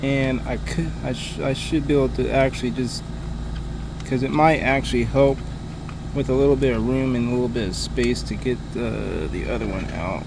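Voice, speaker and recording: A young man in a driveway keeps up casual work-along commentary while fixing a truck, full of fillers and restarts, as hobby mechanic vloggers do. He has a creaky mid-range voice, a steady tone and a moderate pace. Noisy outdoor camera audio picks him up.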